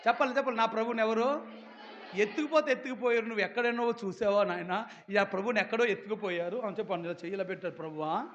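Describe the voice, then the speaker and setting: Telugu-accented male preacher, very high voice, rousing and theatrical, lo-fi recording. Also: rapid-fire, some chatter behind, slight background noise. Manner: animated preaching, acts out voices, calls to the congregation. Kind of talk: Telugu sermon. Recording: dull lo-fi sound.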